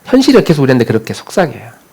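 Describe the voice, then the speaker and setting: A man's voice: mid-range voice, wildly swooping pitch, rapid-fire, gravelly, a little mellow, slightly rough. A man preaching a sermon as pastor in a church, talking conversationally and putting questions straight to the congregation.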